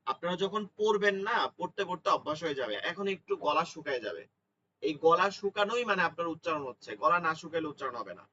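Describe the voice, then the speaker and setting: A man leads an online recitation class, sounding out each letter slowly and repeating it for his students. His voice is fairly high and bright, and he speaks at an unhurried pace. The audio is a little dull and lo-fi. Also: animated, distant mic. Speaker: Quran recitation teacher. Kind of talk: online tajweed lesson.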